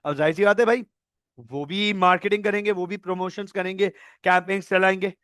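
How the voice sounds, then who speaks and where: Man, tutor, high voice, playful, acts out scenarios, dry close sound. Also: steady tone, brisk, fairly bright tone, clear, resonant tone, no echo. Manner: playful, acts out scenarios, mixes English terms. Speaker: accounting tutor. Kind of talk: online lecture.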